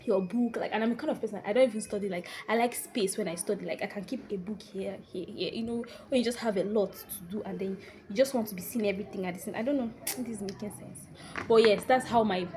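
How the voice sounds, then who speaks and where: Animated young Nigerian woman telling a story. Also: medium pitch, quick pace, slight background noise. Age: young adult. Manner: animated, drops into hushed asides. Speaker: vlogger. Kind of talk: storytime vlog.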